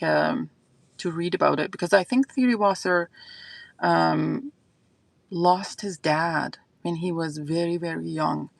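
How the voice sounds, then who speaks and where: Low-pitched and full of vocal fry, this woman's voice comes through on a dry recording. She's a fragrance channel host from Iran whose first language is Azeri, speaking with an Iranian accent as she thinks aloud in a laid-back livestream chat packed with fillers.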